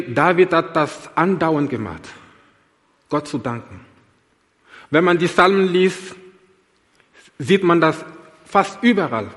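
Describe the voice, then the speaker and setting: A man preaching a sermon in a church, reading scripture slowly and deliberately, rising for emphasis and dropping to quiet endings. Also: sits high, big-room sound.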